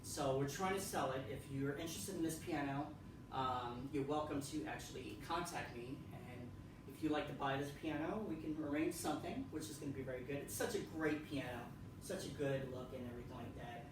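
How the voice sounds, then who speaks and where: Here the man's voice sits at medium pitch and moves a little fast as he tours his pianos in a room at home. It's casual and meandering, with repeated points and plenty of ums, recorded far from the mic in an echoey room with background noise.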